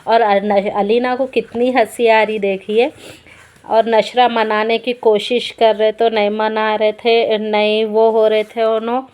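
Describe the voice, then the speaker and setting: A woman's voice: a little high, flat delivery, measured pace, a little mellow. A woman, a mother narrating a family vlog in a rambling, repetitive way. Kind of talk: casual vlog voice-over.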